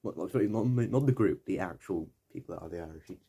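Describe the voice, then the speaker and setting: A young man talks through a video essay in loose, digressive commentary, stopping to correct himself and tossing in the odd swear word. His voice sits a little low and has a soft, mellow tone. A faint hiss of background noise runs under the recording. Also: fast, creaky. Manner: digressive, self-correcting, mildly profane. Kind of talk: rambling casual commentary.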